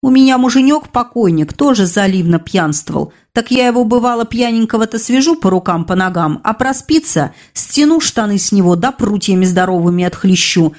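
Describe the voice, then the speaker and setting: A woman voicing a sturdy, blunt working woman who talks in a brisk, earthy, scolding way. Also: mid-range voice, expressive, darkish tone, natural voice. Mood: plainspoken.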